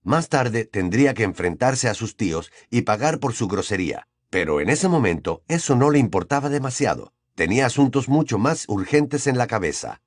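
Expressive male audiobook narrator. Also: on the low side, no room sound, studio quality. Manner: expressive storytelling. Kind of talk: scripted narration.

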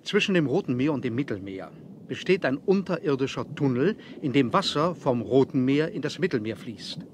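A composed, self-assured sea captain played by a male actor speaks at a medium pitch with formal courtesy and measured phrasing. It sounds like a 1970s radio play from a vinyl record, with faint noise behind. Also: animated, natural voice. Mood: composed, matter-of-fact.

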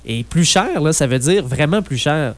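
A chatty man with a Québécois French accent talks politics on radio, his voice sitting a little high for a man. He tells stories in an animated rush, with lots of fillers, and the studio sound is close and dry. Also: normal speed, dry recording. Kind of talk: casual political talk radio chat.

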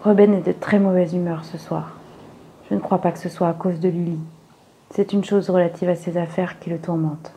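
A blunt, good-humoured old lady, as a woman reader puts her on, plain-spoken and matter-of-fact in a storybook reading. The voice sits low and mellow. It carries no fuss or flourish. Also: fairly even intonation, normal speed, a little hiss or hum, lightly acted, rough recording. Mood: flat, dreamy.

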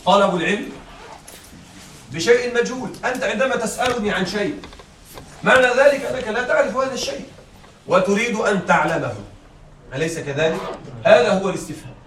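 A high-pitched male teacher gives a classroom lecture, recorded from a distance in a reverberant room. He keeps asking his students whether they are following, and a faint hiss sits underneath. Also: fast, pauses often, fairly bright tone. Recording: echoey room, mic far off, faint noise.

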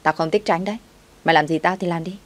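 Bullying female coworker, low-voiced and taunting, read by a woman narrator. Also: steady tone, fast, lightly acted. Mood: hostile. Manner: taunting, shouting.

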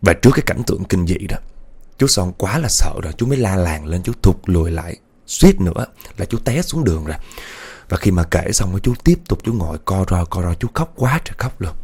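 A man's voice: sits low, sing-song, fairly quick, darkish tone, breathy edge. A man telling a ghost story in a chatty way, talking straight to his listeners and acting out the scary parts. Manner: chatty, addresses listeners directly, acts out scares. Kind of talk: spoken ghost story narration.

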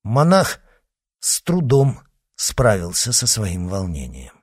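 A man reading a classic novel aloud in a theatrical, expressive manner. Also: fairly low pitch, slow, husky, no room sound, clean studio sound. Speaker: audiobook narrator.

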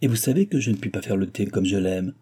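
A man's voice: lowish voice, lively intonation, fast, warm tone, husky. A man reading an audiobook, voicing a spoiled, ill-tempered young lady of the house who scolds petulantly.

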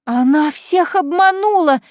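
A woman doing a squealing excitable young noblewoman. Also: extremely high pitch, unhurried, no room sound, studio quality, voice pushed up. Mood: shrieking. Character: excitable young noblewoman, eager backer of her sister.

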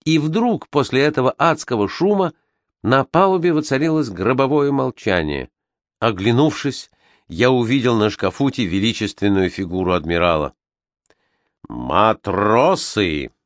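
Expressive male storybook reader. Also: mid-range voice, moderate pace, no room sound. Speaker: audiobook reader. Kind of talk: children's book reading.

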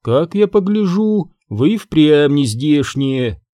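A man's voice: on the high side, big pitch swings, slow, warm tone, no room sound, studio quality. A male audiobook reader voicing a cheeky, playful old woman who runs a bar. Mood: teasing. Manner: playful, teasing.

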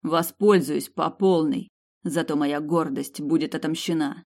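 A woman's voice: deep voice, fairly even intonation, a little slow, gravelly, a little mellow, exaggerated voice. A woman voicing a cold, menacing male mercenary in an audiobook, with clipped speech. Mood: threatening. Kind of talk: audiobook character reading.

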